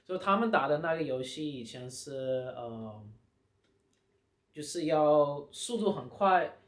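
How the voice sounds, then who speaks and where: A man's voice: a little high, expressive, slow. A man in his twenties from North America speaking Mandarin as a foreigner, with limited vocabulary and some English words slipped in, chatting casually. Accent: foreign-accented Mandarin. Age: 20s. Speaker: professional mobile gamer, interviewer. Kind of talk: casual chat. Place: hotel room at night, indoors. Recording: echoey indoor room.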